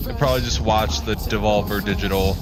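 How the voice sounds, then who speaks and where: Chatty male streamer over loud music. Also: fairly low pitch, steady tone, fairly quick. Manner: offhand, chatty asides. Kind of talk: casual reaction commentary. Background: loud game showcase music.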